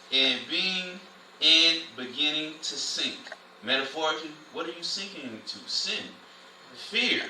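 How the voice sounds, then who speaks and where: A man leading an informal Bible study, preaching in a lively, conversational way. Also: a little high. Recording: roomy, distant, faint noise.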